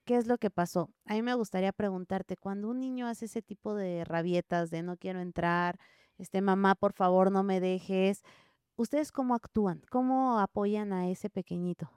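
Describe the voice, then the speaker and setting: A woman's voice: mid-range voice, fairly even intonation, moderate pace, darkish tone, clean tone, dry recording, studio quality. A woman, a mother of two, hosting an interview and asking long, detailed questions. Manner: asks at length, lists a child's tantrum in detail. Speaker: host.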